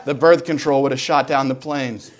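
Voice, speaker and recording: A man in his twenties, a comedian vlogging an open mic night, chats casually from a bar and then from his parked car, recapping crude jokes from his set. His medium-pitched voice is steady at a normal pace, captured by a handheld camera at arm's length against a noisy background.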